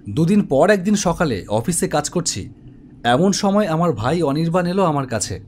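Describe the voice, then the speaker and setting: Somewhat high and a bit mellow, this man's voice swings widely in pitch at a moderate pace as he plays an office web developer recounting his own ghost story. The scripted first-person horror narration is dramatic, suspenseful and reflective, with background music and a faint hiss or hum.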